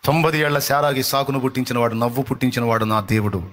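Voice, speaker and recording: A male pastor preaching a fiery live sermon, exhorting and rebuking with rapid repetitions. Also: medium pitch, fairly bright tone, faint music behind. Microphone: live-stream microphone.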